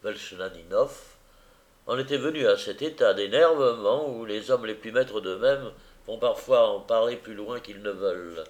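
A man narrating a literary novel aloud in a measured storytelling manner. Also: on the low side. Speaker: audiobook narrator.

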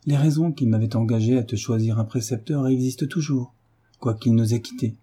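A man reading a novel aloud, voicing a gentle mother who pleads tenderly but stays firm with her son. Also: medium pitch, brisk, breathy edge, lightly acted.

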